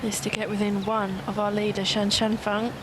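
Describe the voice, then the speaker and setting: Even-toned female golf commentator. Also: medium pitch, normal speed, background noise. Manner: understated golf commentator delivery, brief remarks. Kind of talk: live televised golf commentary.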